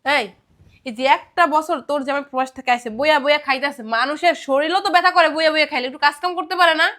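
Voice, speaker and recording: An actress playing a middle-aged mother who scolds her family with quick retorts. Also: high-pitched, steady tone, fairly bright tone. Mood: scolding. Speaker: mother-in-law.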